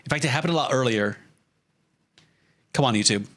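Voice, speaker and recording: A storyboard artist streams live while he draws, chatting casually in a joking, self-deprecating way with loose, sweary phrasing. His voice is medium-pitched, brisk and fairly bright.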